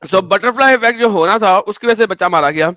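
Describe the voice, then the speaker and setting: Insistent high bright-voiced man debating. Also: quick pace, dry recording, muffled recording. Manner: insistent, repeats phrases, switches into English. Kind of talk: heated online debate.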